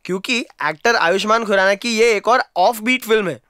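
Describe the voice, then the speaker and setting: A man's voice: high voice, pushed and bright, slight background noise. A man voicing a little cheeky male cartoon presenter who reads film news and cracks jokes. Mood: chirpy. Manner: teasing, quick with jokes.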